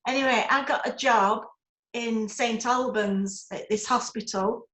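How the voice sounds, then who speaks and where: An older woman tells a funny story from her past in a chatty, amused way. Her voice sits fairly high, and it echoes around the room on a video call. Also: unhurried, fairly bright tone. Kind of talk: telling a personal story.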